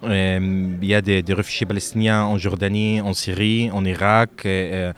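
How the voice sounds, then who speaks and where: A man from Lebanon answering interview questions about his music, speaking haltingly with frequent fillers and restarts. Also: low voice, level tone.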